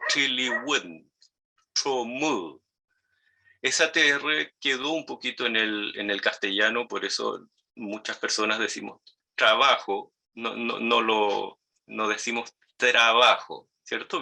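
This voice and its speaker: A man with a Chilean Spanish accent gives a language lesson in a gravelly, very bright, forceful voice. He speaks patiently, repeating himself and sounding out each word slowly so it can be copied. Dogs bark somewhere in the background. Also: mid-range voice, low-quality recording. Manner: patient, repeats words, models pronunciation slowly. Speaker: Mapuche language teacher. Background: dogs barking nearby.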